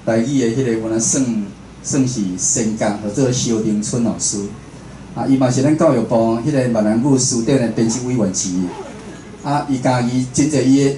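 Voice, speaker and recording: A male radio host and station director with a Taiwanese accent gives an informal spoken lecture, his mellow, medium-pitched voice chatty and conversational. He poses rhetorical questions to his listeners, and the echoey room carries faint background noise.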